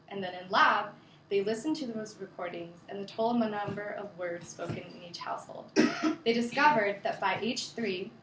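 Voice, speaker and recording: A young woman gives a class speech at a middle pitch, earnestly working through prepared points that sound a bit scripted, though casual fillers creep in. The classroom is echoey, with a faint hum in the background.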